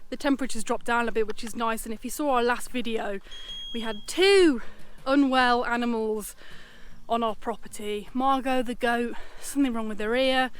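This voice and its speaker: A woman's voice: fairly high pitch, moderate pace, slight background noise. A woman hosting a vlog, giving casual, chatty updates to camera. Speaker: vlog host.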